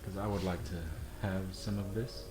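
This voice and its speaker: A man's voice: deep voice, flat delivery, moderate pace. A man hosts a casual cooking vlog from his home kitchen, joking and chatting to viewers. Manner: joking, self-deprecating, talks to viewers. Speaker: cooking channel host. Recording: echoey kitchen with faint music.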